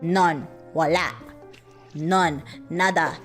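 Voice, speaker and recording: A woman's voice: low-pitched, steady tone, drawn-out words, soft background music. A young woman with a Filipino accent, casually teaching a language lesson on a livestream, giggling and rambling with lots of fillers. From Philippines.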